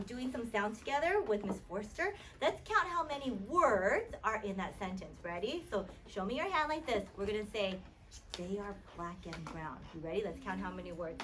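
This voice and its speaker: Animated high-voiced woman teaching kindergarteners. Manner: encouraging, kids show host-like prompting with repeated short instructions and questions; sounds out letters slowly and repeats them. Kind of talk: interactive classroom lesson to young children. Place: classroom, voice picked up from a distance. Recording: distant mic, noisy classroom.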